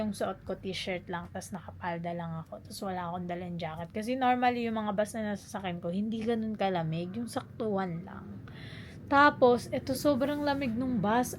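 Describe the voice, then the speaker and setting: A woman's voice: medium pitch, a little hiss or hum. Chatty young woman telling a story. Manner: chatty, animated storytelling, mixes English phrases. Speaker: vlogger. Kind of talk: casual storytime vlog.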